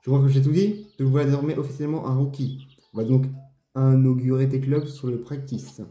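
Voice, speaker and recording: A man reading a stern male golf club official's lines aloud, slow and deliberate, as he plays a game. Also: mid-range voice, fairly even intonation, warm tone, close to an everyday voice. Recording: roomy echo, faint game music.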